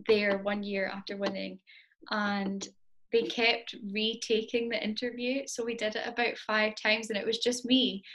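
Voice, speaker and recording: A woman's voice: a little high, fairly bright tone. A young woman answering interview questions about her dancing in a chatty, self-deprecating way, with plenty of ums. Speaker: interview guest, competitive Highland dancer.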